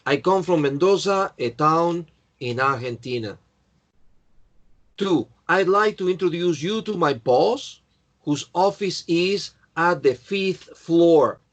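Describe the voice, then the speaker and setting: A man's voice: a little high, expressive, slow pace, muffled recording. A man teaching an English class, going through answers and correcting students by name in a patient way. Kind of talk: online class, checking answers.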